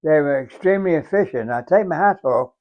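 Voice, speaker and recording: A very old man of about a hundred with an English accent, recalling his service as a veteran in a halting, reflective, unhurried way. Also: fairly high pitch, lively intonation. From England. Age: very old, around 100. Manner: very old man's halting, reflective delivery with repeated phrases. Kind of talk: unhurried oral-history reminiscence. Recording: dull, muffled lo-fi sound.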